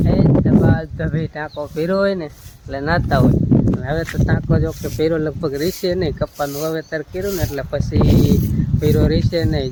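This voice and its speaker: A man with a Kathiawadi Gujarati accent chatting casually as a village vlogger, teasing and easygoing, recorded outdoors on a farm. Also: fairly high pitch. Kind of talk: casual village vlog chat. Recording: outdoor noise with birds and animals.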